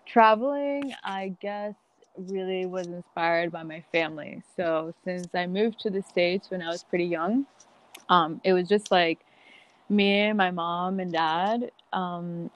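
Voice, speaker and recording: A young woman from Colombia, a podcast guest chatting casually and laughing easily with many fillers. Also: on the low side. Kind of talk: casual interview.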